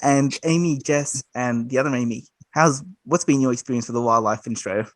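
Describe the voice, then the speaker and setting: A man's voice: mid-range voice, brisk, dry recording. A man hosting a casual video-call interview, upbeat with short reactions. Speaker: host.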